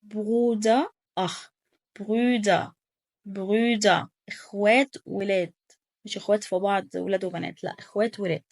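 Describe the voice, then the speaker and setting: A woman's voice: medium pitch, steady tone, vocal fry, no echo, studio quality. A young woman with an Egyptian Arabic accent, teaching German in a casual online lesson and coaching pronunciation with lots of repetition. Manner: rapid, repetitive coaching, drills pronunciation aloud.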